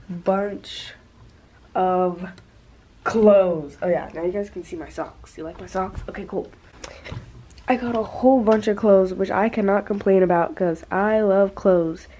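A woman's voice: medium pitch, warm tone, slight background noise. Bubbly teenage girl vlogging from her bedroom. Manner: bubbly, rambling, lots of fillers. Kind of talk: casual haul vlog.

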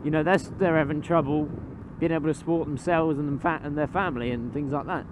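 A man's voice: a little high, fairly even intonation, quick pace. A young man chatting casually while riding a motorbike at night, rambling with fillers and casual swearing. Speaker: motovlogger. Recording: road and engine noise behind.

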